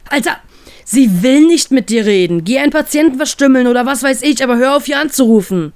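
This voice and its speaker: A woman's voice: mid-range voice, moderate pace, lightly acted. A woman reading a protective pirate brother. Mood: annoyed. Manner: serious, quiet, caring. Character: protective young male pirate, older-brother type.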